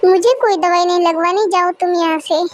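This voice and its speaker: A woman's voice: very high-pitched, steady tone, fairly quick, over loud music. A woman voicing a curt, aloof young man in a fan story. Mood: cold. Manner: curt, dismissive. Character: cold aloof young man, loner bad boy.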